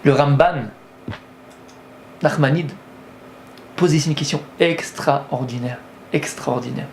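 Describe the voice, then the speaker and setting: A man's voice: a little high, takes it slowly, gravelly, darkish tone, a little hiss or hum. A man, a rabbi, giving a Torah lesson and acting out dialogue with rising exclamations.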